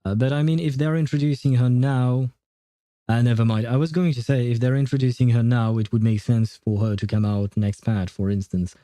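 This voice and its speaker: A man's voice: medium pitch, steady tone, brisk, mellow, dry recording. A man giving casual game commentary as a streamer, in an amused, hesitant, rambling way. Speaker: gaming streamer playing through a story.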